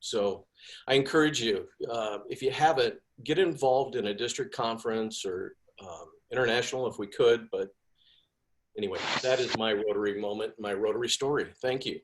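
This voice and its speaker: A man's voice: lowish voice, moderate pace. A man who is a past club president, telling a personal story in a casual, enthusiastic way. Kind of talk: personal speech.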